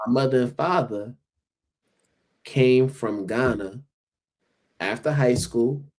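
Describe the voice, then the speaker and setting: A man with an American accent, a guest educator on a podcast, speaking in an earnest, measured way. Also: mid-range voice, darkish tone. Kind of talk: casual podcast chat.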